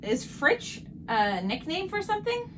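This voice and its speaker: A woman's voice: extremely high pitch, big pitch swings, a little slow. A woman casually interviewing a relative, asking short questions and echoing back the answers. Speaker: interviewer, granddaughter. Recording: clear background noise.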